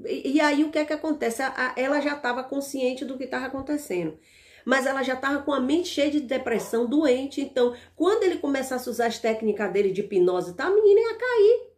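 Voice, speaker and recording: A woman's voice: high-pitched, brisk, darkish tone. A woman with a Brazilian Portuguese accent telling an evangelical testimony in a casual, emphatic way, repeating words and restarting phrases. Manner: emphatic, repetitive storytelling with restarts. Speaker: evangelical channel host.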